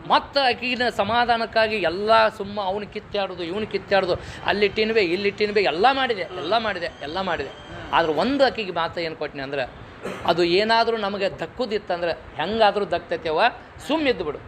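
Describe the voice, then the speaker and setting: A middle-aged man with a North Karnataka Kannada accent giving a public moral lecture, full of lively rhetorical questions and folksy home anecdotes. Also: high-pitched, fairly quick, slight background noise.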